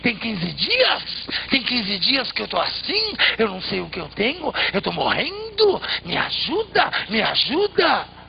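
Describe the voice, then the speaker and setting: A man voicing a desperate dying wolf who begs for help in a strained, high voice. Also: huge pitch swings, unhurried, gravelly, full character voice. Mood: desperate pleading. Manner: frantic begging, high and strained. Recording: slightly muffled, faint background noise.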